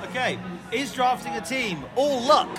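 Man, high animated voice, stumbling reader, music and crowd behind. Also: normal speed. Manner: stumbles over reading questions. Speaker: question reader.

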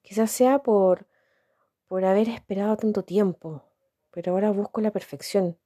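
A woman's voice: mid-range voice, steady tone, normal speed, warm tone, dry recording, clean studio sound, lightly acted. A woman reading aloud, voicing a blunt, lonely young woman in a storybook reading, with a candid, hesitant way of talking. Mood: wistful. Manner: candid, musing, hesitant restarts.

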